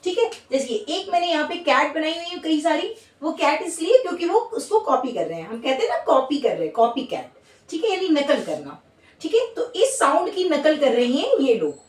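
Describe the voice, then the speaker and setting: A woman's voice: high-pitched, sing-song, roomy sound, distant mic. A woman teaching a phonics lesson. She sounds out letters one by one and keeps checking in with "ठीक है?". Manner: sounds out letters slowly, asks "ठीक है?" after each point. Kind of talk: classroom-style phonics lesson.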